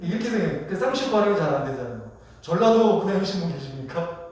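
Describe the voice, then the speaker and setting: A man's voice: sits high, big pitch swings, fast talker, a little mellow. A male pastor preaching a sermon who keeps putting questions to the congregation. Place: church sanctuary. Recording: echoey church hall from far off.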